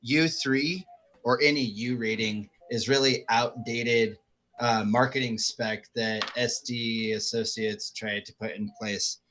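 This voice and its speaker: A man co-hosting a casual livestream chat over a video call. He talks excitedly and explains gear in long, rambling runs. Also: medium pitch, takes it slowly, a little hiss or hum, poor audio. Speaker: show co-host.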